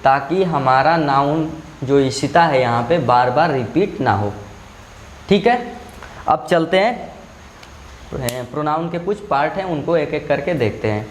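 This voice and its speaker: A male school teacher giving a slow classroom grammar lesson. He explains step by step and keeps checking that the class follows. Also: fairly high pitch, lively intonation, slight background noise.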